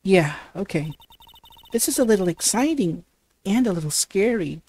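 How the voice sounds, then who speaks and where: A woman's voice: mid-range voice, animated, moderate pace, dark tone. A woman hosting a let's play, giving stammering, hesitant gaming commentary.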